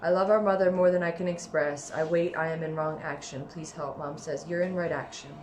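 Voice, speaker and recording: A woman with a lowish voice reads stream messages aloud in a flat, steady way. The room echoes and faint noise sits behind her. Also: a little fast. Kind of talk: reading chat messages aloud.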